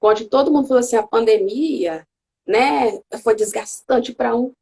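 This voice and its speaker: A woman's voice: a little high, a little slow, gravelly, darkish tone, slight background noise. A Brazilian woman talking earnestly as a guest mother on a live video call, telling her story in a heartfelt way. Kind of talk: casual live video chat.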